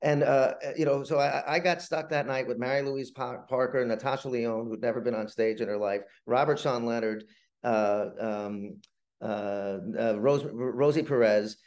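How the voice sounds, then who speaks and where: Being interviewed, a middle-aged playwright rambles through his stories in a conversational, halting manner, words often repeated. The pitch is medium, the intonation fairly even, and the tone somewhat dark.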